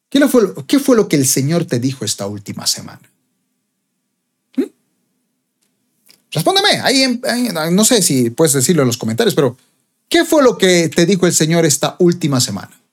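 A man preaching a sermon with emphatic delivery that climbs to high, stressed peaks. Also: very animated, a little fast.

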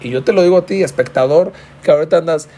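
A man's voice: a little high, fast talker, mellow. A young man of about twenty with a Mexican accent, hosting a podcast and telling a comic story in a slangy, profane way. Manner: slangy and profane, peppers every line with güey. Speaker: podcast host.

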